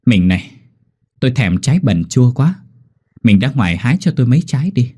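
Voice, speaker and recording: A man's voice: mid-range voice, very animated, brisk, dark tone, slightly rough. A man voicing a timid young pregnant country wife, stammering and pleading. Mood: soft.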